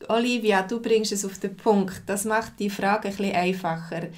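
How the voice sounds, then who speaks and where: A woman's voice: mid-range voice, fairly even intonation, normal speed. A Swiss woman of about forty with a Swiss German accent, teaching a live-streamed language lesson and patiently answering viewers' comments by name. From Switzerland.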